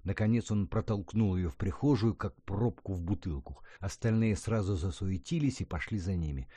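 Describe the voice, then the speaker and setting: A man reading an audiobook aloud with expressive, character-rich storytelling. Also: low voice, normal speed, slightly rough, no echo. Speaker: audiobook narrator.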